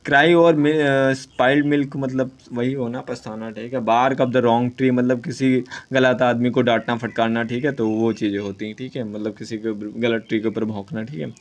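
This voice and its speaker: A man teaching exam idioms in casual Hindi mixed with English, often saying "ठीक है", reading English sentences out slowly and correcting himself as he goes. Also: medium pitch, little pitch movement. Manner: self-correcting, jokes with students.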